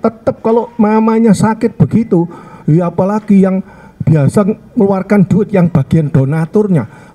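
A man's voice: sits high, dark tone, slightly rough. A male pastor with a Surabaya Javanese accent tells humorous stories in a funeral sermon and keeps addressing the listeners as "saudara". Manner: humorous storytelling, often adds "saudara".

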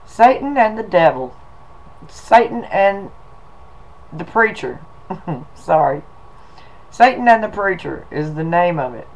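A man talking casually to viewers and telling a folksy story in an unhurried, drawling way. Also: high voice, very animated, poor audio. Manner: folksy, slow, drawling delivery with y'all and 'em. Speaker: video blogger.

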